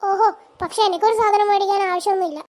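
A woman voicing a naive, chatty middle-aged woman in a cartoon, with a squeaky, argumentative manner. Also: fairly even intonation, quick pace, a little mellow. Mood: bickering. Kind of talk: cartoon voice acting.

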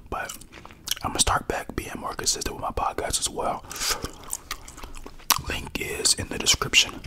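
A young American man giving a casual, slangy, rambling ASMR whisper close to the mic while chewing gum. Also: extremely high pitch. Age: young adult. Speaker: ASMR creator and podcaster. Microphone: close desktop condenser mic with foam cover.

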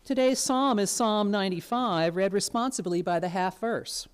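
Woman doing the church reading, steady and even, middle pitch. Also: normal speed, clear, resonant tone. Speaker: lector. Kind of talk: formal scripture reading.

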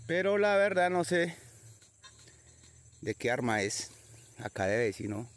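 A Colombian man narrates a casual metal detecting vlog outdoors in nature, chatting away and constantly calling his viewers friends. His voice is mid-range, sing-song and unhurried.

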